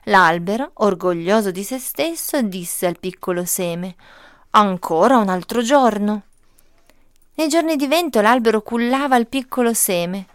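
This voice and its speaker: Smooth-voiced woman reading a storybook. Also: mid-range voice, moderate pace, few pauses, no echo, clean studio sound. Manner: gentle, expressive reading with lively emphasis. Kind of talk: storybook read-aloud.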